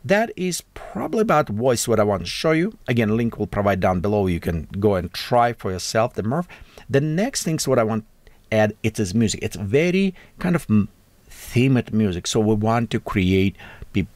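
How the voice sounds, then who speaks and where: A man walks through a software tutorial in a casual, halting way, his non-native English full of restarts. His pitch moves in an animated way, and the recording is dry and close. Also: no echo. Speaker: tech tutorial host.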